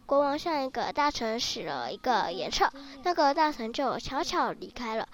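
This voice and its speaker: A woman narrating a children's storybook with lively, expressive delivery. Her voice is high and clear. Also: normal speed.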